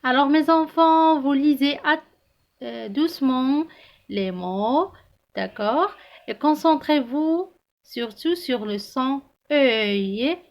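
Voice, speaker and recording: A woman's voice: high-pitched, lively intonation, slow. A woman teaching a primary school reading lesson, spelling out letters one by one and praising the children often in a patient, encouraging way.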